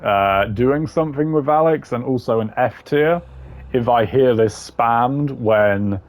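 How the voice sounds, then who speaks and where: In a mid-range voice at a slightly slow pace, a man who makes gaming videos ranks game voice lines. His commentary is casual and opinionated, blunt and informal with lots of slang.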